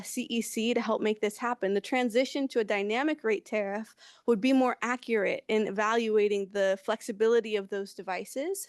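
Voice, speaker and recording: A woman's voice: medium pitch, dry recording, clean studio sound. A woman giving an informal conference presentation as a presenter among colleagues.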